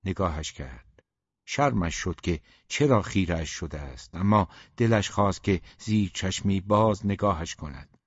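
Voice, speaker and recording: A man narrating a novel aloud in a steady, measured reading, in a dull, dry recording. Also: low-pitched, slightly rough, no room sound. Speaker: audiobook narrator.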